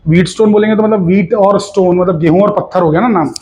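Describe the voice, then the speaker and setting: High-voiced chatty physics teacher, man. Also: fast, darkish tone, a little hiss or hum. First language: Hindi. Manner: chatty, coaxing, mixes Hindi with English and Marathi asides. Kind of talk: recorded online physics lesson.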